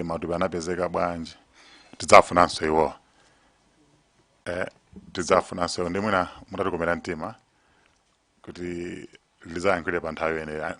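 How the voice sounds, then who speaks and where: A man's voice: deep voice, a bit bright, no echo. A Malawian man acting as committee chair, formally moderating a hearing and directing who speaks.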